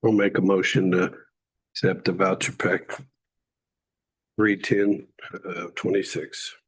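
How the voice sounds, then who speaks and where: A man with a fairly low, husky voice speaks up at a town council meeting. He talks casually, often leaving sentences half finished. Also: level tone, takes it slowly. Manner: casual and chatty, trails off mid-sentence. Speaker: council member.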